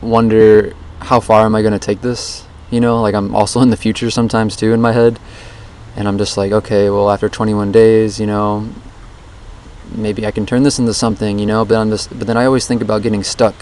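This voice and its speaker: His voice is on the low side and darkish, with little pitch movement and a slightly fast pace. This vlogger is rambling through a casual, introspective daily challenge diary under a bridge outdoors. He uses a handheld voice recorder, and background noise is present.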